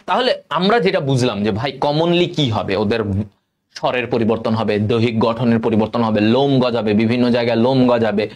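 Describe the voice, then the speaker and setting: A man's voice: medium pitch, fairly quick, a little mellow. A young man, teaching a textbook biology lesson to exam students. He asks the class questions and answers them himself.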